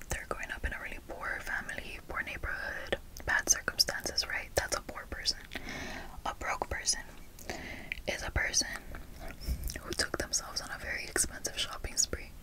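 A young woman with a Miami accent giving a whispered ASMR talk in a slow, deliberate way with repeated phrases, close to the microphone. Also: poor audio. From Miami, United States. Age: young adult. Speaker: ASMR video creator. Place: bedroom, indoors. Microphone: close fur-covered desk microphone.

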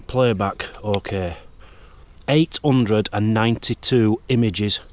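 Casual male wildlife vlogger, mid-pitched, chatty and eager, recorded outdoors in woodland. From United Kingdom. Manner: chatty, easily excited. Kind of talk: casual outdoor vlog narration.

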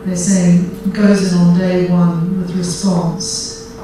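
A woman's voice: lowish voice, little pitch movement, slow. A woman asking an earnest, direct question at a workshop into a handheld microphone. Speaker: workshop participant. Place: hotel conference room. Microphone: handheld microphone through room speakers. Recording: very echoey hall from far off, noisy.

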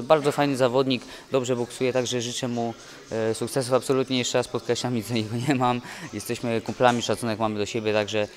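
Just after a fight, a young boxer gives a post-fight interview, sounding dejected and halting, with many restarts as he trails off and corrects himself. His pitch is middling for a man. The interviewer holds a handheld mic in front of a sponsor wall at an indoor event.

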